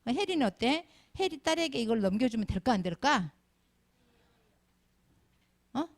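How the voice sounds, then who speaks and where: A woman leads a children's sermon, quizzing the kids again and again as she goes. Her voice sits a little high and swings widely in pitch. A gravelly fry runs under her words. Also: unhurried. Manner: asks the children constant questions, animated. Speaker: Sunday school preacher.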